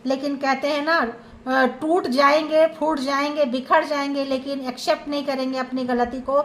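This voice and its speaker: A woman's voice: high voice, a bit bright. A woman giving a tarot reading to her viewers. She talks with emphasis and lists feelings in short repeated phrases. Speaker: tarot reader.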